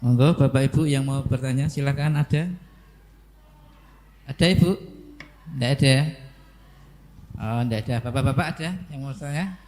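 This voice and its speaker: A man's voice: mid-range voice, normal speed, pauses often, a little mellow. A man moderating a question session, with brief, polite prompts to the audience.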